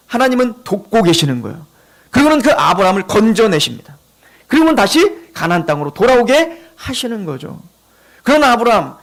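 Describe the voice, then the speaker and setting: A man's voice: extremely high pitch, a bit bright. A man preaching a sermon as pastor, emphatic and repeating phrases for stress.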